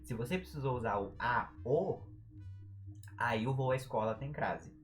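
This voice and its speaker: A man's voice: mid-range voice, expressive, moderate pace, soft background music. A young man from Brazil with a Brazilian Portuguese accent, teaching a casual live-stream writing lesson in a playful, joking way and stretching out syllables for emphasis. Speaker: writing tutor.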